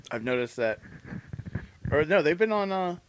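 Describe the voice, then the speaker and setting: A man's voice: on the high side, sing-song, moderate pace, a little hiss or hum. A man co-hosting a podcast in casual chat, swearing often and trading jokes with his friends. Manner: profane, joking banter. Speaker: podcast co-host.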